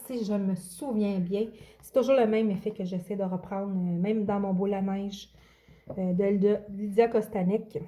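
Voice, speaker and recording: A woman with a medium-pitched, dark voice shows off her coloring books in a casual vlog. She's an adult coloring vlogger, and she comes across as hesitant, full of fillers and restarts.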